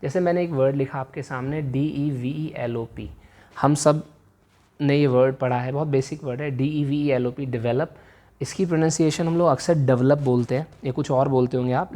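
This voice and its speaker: A man's voice: on the high side, a little fast, dark tone. A man teaching a vocabulary lesson to viewers. He mixes Hindi and English, restates each meaning several times and often checks in with "right?". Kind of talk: explanatory video lesson.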